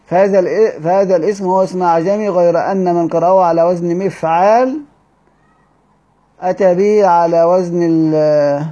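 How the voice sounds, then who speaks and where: A man with an Egyptian accent teaching Quranic readings in a study-circle lecture, explaining step by step and drawing out key words slowly. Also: high-pitched, steady tone, dark tone. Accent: Egyptian Arabic. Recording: dull lo-fi recording.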